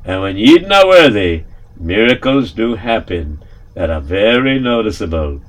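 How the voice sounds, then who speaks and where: A man storyteller voicing a shrewd old rabbi who speaks gently and deliberately, mixing in Yiddish words. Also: on the low side, sing-song, pitched below the performer's own voice, poor audio. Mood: stern. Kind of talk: storytelling with put-on voices.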